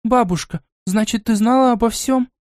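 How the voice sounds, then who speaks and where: Shrill haughty noble girl, as a male reader puts her on. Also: normal speed, dry recording, studio quality. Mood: pressing. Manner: shrill, scornful and demanding.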